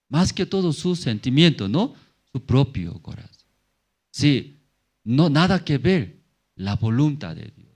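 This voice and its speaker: A man preaching a sermon as pastor, in simple, halting phrases with many tag questions, swinging between emphatic high bursts and low murmurs. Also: a little mellow. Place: church.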